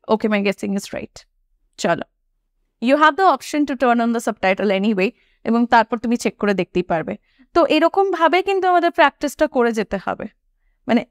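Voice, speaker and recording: High-pitched woman teacher. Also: dry recording, clean studio sound. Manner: explains step by step, addresses viewers directly. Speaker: English teacher. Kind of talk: video lesson in Bengali mixed with English.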